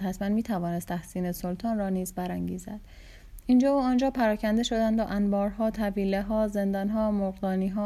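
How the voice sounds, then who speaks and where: Female audiobook reader with a warm, mellow voice and steady pacing for literary fiction. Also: medium pitch. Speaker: audiobook narrator. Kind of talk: reading a novel aloud.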